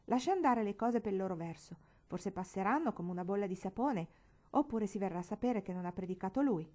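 A woman's voice: mid-range voice, animated, a little fast, darkish tone, close to an everyday voice. A woman voicing an eager, mischievous boy in a storybook reading, with rising, exclaiming speech. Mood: defiant.

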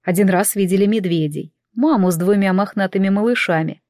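A woman narrating a fantasy novel in the first person in an even storytelling manner. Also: medium pitch, a little fast, no room sound, clean studio sound. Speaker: audiobook narrator.

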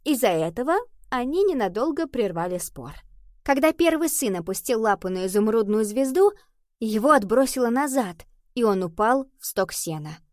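A woman's voice: fairly high pitch, moderate pace, no echo, clean studio sound, voice pushed up, natural voice. Woman voicing an eager schoolgirl. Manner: eager, lively storytelling. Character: eager schoolgirl telling a tale.

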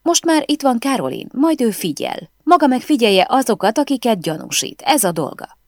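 A woman reading an audiobook voices a hysterical, frightened female film star who barks orders in a shrill, panicky way. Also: big pitch swings, a little mellow, no room sound, studio quality, full character voice. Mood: panicked, bossy.

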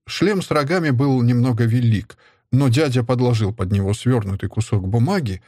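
A man narrating a story in the first person, steady and even. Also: mid-range voice, moderate pace, no room sound, studio quality. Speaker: audiobook narrator. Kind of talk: scripted narration.

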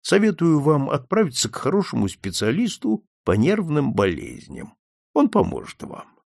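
A man's voice: on the high side, huge pitch swings, normal speed, creaky, no room sound, exaggerated voice. A man voicing a composed, stern detective who speaks dryly and firmly, in an audiobook reading. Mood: gentle. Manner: dry, firm, sometimes gentle.

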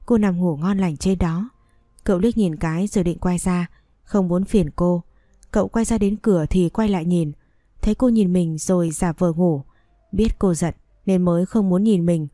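A woman reads a romance story aloud in a slow, steady manner. Her voice is low and warm, recorded dry with no room sound. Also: dry recording. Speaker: narrator. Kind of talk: audiobook story narration.

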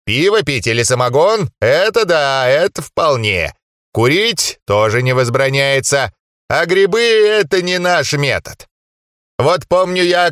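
A man voicing the ghost of an old male gnome grandfather, with a slow, sepulchral, drawn-out voice and a folksy, rambling, scolding manner. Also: fairly high pitch, fairly bright tone, no echo, studio quality, voice pushed up.

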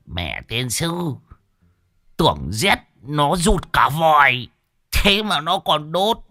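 A man's voice: on the high side, big pitch swings, slow, pushed and bright, no echo, clean studio sound, faint music behind, pitched above the performer's own voice, exaggerated voice. A man voicing a coarse, cursing old male village boss. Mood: grumbling.

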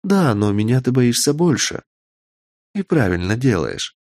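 A man's voice: mid-range voice, very animated, unhurried, darkish tone, no room sound, studio quality, pitched above the performer's own voice. A man voicing an imperious, ambitious witch who speaks coldly and commandingly, in a raised voice. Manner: cold, commanding, menacing.

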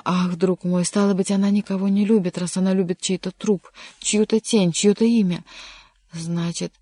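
A lovesick young count pours out his despair, as an audiobook reader plays him. The voice stays fairly even in pitch even as he pleads, and the recording is close and dry. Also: dry recording, natural voice. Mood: hopeful. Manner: impassioned, pleading. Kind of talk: audiobook reading.

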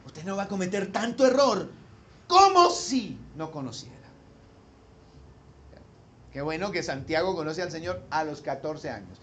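A man preaching a sermon as pastor, animated, with loud emphatic peaks and questions put to the congregation. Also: a little high, unhurried, long pauses.

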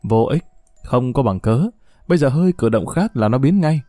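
A man voicing a sharp, intense young male detective who talks urgently and confidently. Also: medium pitch, animated, normal speed, no echo, clean studio sound, natural voice. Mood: scheming.

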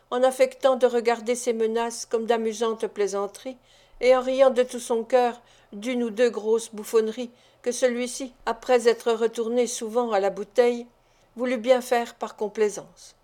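Audiobook narrator, woman, fairly high voice, measured storytelling delivery. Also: dark tone. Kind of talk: classic novel audiobook reading.

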